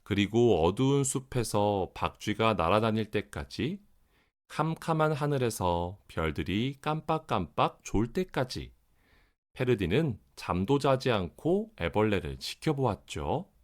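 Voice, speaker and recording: A man's voice: fairly low pitch, sing-song, measured pace. A man narrating a children's story expressively, articulating every word with great care. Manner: over-enunciated, very careful articulation.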